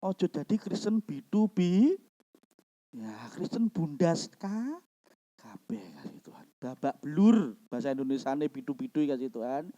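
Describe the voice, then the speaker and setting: A male pastor preaches a lively sermon in church, his pitch rising and falling freely as he acts out quoted voices. His tone is dark and mellow, and he slips between Indonesian and phrasing. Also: unhurried, lo-fi sound.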